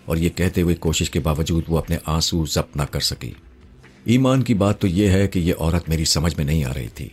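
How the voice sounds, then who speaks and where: Male narrator, very low husky voice, measured dramatic storytelling, first-person story reading, faint music behind. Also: a little mellow.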